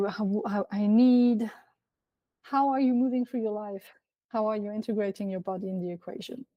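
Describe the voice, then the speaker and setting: A woman's voice: mid-range voice, warm tone. A woman life coach talking on her podcast in a reflective, conversational way, putting many questions to her listeners. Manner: loose, conversational phrasing with frequent "like". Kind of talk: solo coaching podcast monologue.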